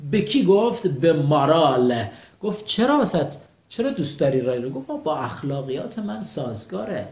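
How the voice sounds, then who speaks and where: A man teaching English vocabulary with mnemonics, animated and drilling words by repeating them. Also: fairly high pitch, roomy sound.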